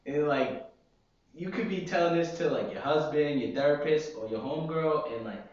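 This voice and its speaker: A man's voice: on the high side, moderate pace, darkish tone, muffled recording. Laid-back young man, echoey room. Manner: laid-back, opinionated, explains with slang. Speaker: podcast co-host. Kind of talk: casual chat.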